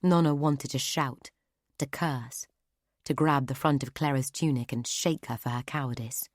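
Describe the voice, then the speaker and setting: A woman narrates a fantasy audiobook in a steady, measured way. Her voice sits low, close to the mic. The recording is dry, with no room sound at all. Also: no echo. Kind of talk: scripted narration.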